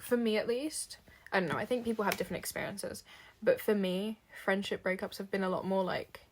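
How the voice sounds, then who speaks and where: A young woman talks through advice in a loose, conversational vlog. She is blunt and open, peppering her speech with "like" and the odd swear word. Her tone stays casual and unpolished throughout. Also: mid-range voice. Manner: frank and chatty, lots of "like" fillers and swearing. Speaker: vlogger giving advice.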